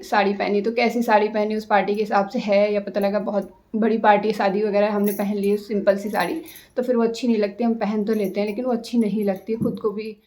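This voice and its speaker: Young woman chatting advice to her viewers, slow and easy, lots of little pauses. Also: mid-range voice. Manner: chatty, hesitant with many fillers; tries to talk slowly and calmly. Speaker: vlogger. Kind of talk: casual advice talk to camera.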